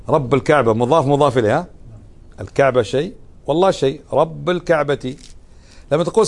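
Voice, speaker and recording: A man teaching a religious lesson, often putting questions to his students. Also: on the high side. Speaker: Islamic teacher.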